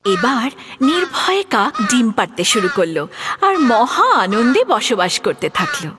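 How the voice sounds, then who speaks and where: Lady telling kids a storybook tale, real animated, voice a bit high. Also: normal speed, noisy background. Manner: expressive, addresses the young listener. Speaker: narrator. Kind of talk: storybook narration for children.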